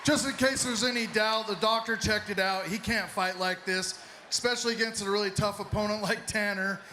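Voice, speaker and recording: Bright, high-pitched male event host. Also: fairly even intonation, a little fast, faint music behind, some chatter behind, rough recording. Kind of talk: unscripted live event address. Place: live fight event venue.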